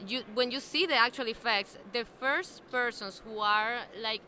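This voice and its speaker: A woman's voice: on the high side, pushed and bright, slight background noise. A woman from Venezuela with a Venezuelan Spanish accent, explaining her views earnestly with frequent "eh" fillers in a casual interview at a convention. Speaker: interviewee, alliance member. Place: busy convention venue.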